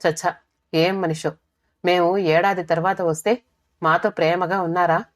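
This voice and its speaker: A woman's voice: on the low side, fairly even intonation, moderate pace, close to an everyday voice. A woman voicing a resentful grown daughter who complains about her father. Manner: complaining, reproachful.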